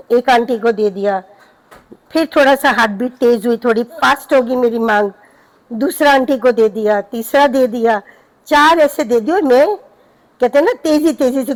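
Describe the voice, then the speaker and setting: A middle-aged woman sharing a devotional satsang story with lively, heartfelt storytelling. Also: sits high, poor audio. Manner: lively storyteller, acting out her own pleading.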